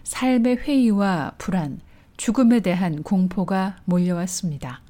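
A woman documentary narrator reading a scripted human story in a measured, literary way. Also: medium pitch, dark tone.

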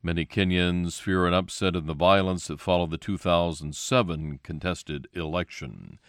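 A man's voice: sits low, moderate pace, no echo, clean studio sound. A man reading scripted radio news as the anchor.

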